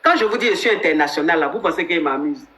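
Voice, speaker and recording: A woman hosting a live relationship coaching stream, chatting casually, animated and thanking viewers by name. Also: low-pitched, fast. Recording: echoey room sound.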